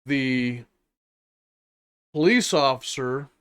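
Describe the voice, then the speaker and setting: An older man giving an unscripted, indignant opinion rant, halting and deliberate, with long pauses and emphatic repetition. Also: mid-range voice, fairly bright tone, smooth. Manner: indignant, emphatic, repeating phrases. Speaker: vlogger giving his opinion.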